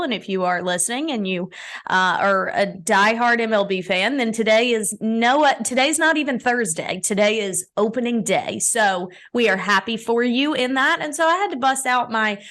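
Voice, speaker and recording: A woman's voice: a little high, a bit bright. A young woman from Alabama hosting a casual sports show in a chatty, playful, teasing way.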